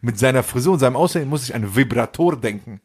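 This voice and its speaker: Husky man in his forties telling stories. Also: medium pitch, quick pace. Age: 40s. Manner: street slang, animated anecdote with acted quotes. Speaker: podcast co-host. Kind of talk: casual storytelling chat.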